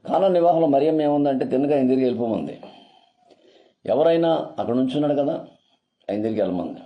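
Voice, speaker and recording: A man's voice: fairly low pitch, dull audio. A man preaching a sermon as a pastor, emphatic and repeating his phrases for weight.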